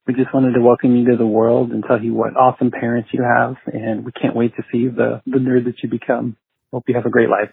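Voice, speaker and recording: A man's voice: medium pitch, little pitch movement, brisk, creaky, slightly rough. A man leaving a friendly voicemail message, heard over a landline phone. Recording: tinny phone line.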